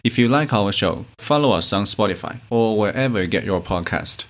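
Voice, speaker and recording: A man from China, hosting a language podcast, reading out sounds one by one and enunciating each with long pauses. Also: on the low side, animated. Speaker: language teacher and podcast host. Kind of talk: slow pronunciation drill.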